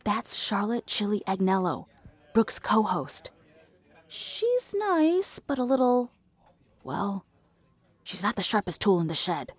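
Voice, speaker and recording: An eager, slightly awkward ghost-obsessed podcaster, voiced by a woman who gets carried away easily. Her pitch rises and falls in lively swings. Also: takes it slowly, long pauses, husky, full character voice. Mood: wry. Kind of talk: fiction podcast drama.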